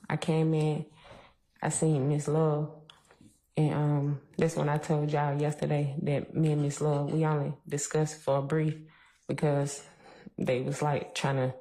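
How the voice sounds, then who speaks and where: A woman's voice: low voice, dark tone. A woman giving testimony as a witness in court, subdued and hesitant as she explains. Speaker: trial witness. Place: courtroom, indoors.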